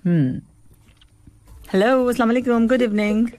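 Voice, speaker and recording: A woman's voice: on the high side, moderate pace, a little mellow. A woman hosting a radio call-in show, reading listeners' messages and teasing them playfully, laughing often. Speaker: radio host.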